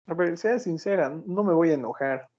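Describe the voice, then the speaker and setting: A man's voice: on the high side, fairly quick, a little mellow, dull audio, slight background noise. A middle-aged man teaching a medical class online, probing his students with repeated questions and telling everyday anecdotes. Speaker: medical lecturer.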